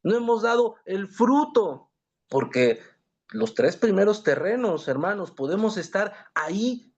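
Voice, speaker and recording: A man with a high-pitched voice leads a church Bible class. He reads scripture aloud in an earnest tone and turns often to his listeners as brothers. The recording sounds dull and lo-fi. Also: big pitch swings, measured pace, a little mellow, slightly rough.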